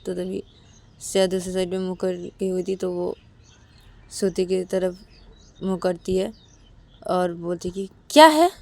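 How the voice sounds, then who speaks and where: A woman's voice: fairly low pitch, monotone, unhurried, creaky, long pauses, warm tone. A woman narrating a spoken love story in a loose, casual way, linking events with repeated connecting words.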